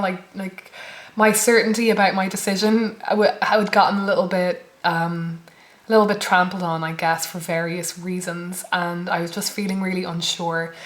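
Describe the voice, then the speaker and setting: A young adult woman speaks in a hoarse voice that has partly given out, at an average pitch. She rambles casually and thoughtfully, as in a personal vlog, often pausing to rephrase. The indoor recording has a clearly roomy, echoey sound. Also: fairly bright tone. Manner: reflective, hesitant, self-correcting. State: hoarse from losing her voice. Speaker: student vlogger. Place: indoors in a flat.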